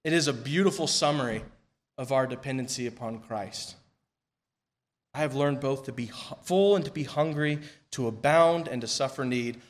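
A man preaching a sermon and leading prayer at a pulpit microphone in a church, reading scripture in a measured, emphatic way that falls soft at the ends of phrases. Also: medium pitch. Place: church sanctuary.

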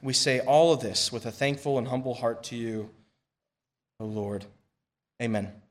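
At a church pulpit microphone, a man preaches a sermon and leads prayer, reading scripture in a measured, emphatic style whose phrases soften as they end. His pitch is medium, and the setting is a church sanctuary.

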